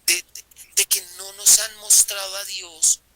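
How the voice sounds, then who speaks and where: Bright-voiced Colombian man leading Bible study. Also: sits high, monotone, a little slow, slight background noise, low-quality recording. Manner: asks the group rhetorical questions, repeats phrases.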